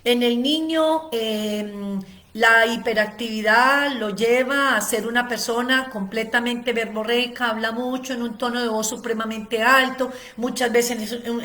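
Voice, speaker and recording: A woman's voice: a little high, fairly even intonation, unhurried, bright, forceful tone. A woman giving a spoken lecture on ADHD, explaining at length with frequent "eh" fillers and long lists. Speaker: ADHD educator giving a seminar.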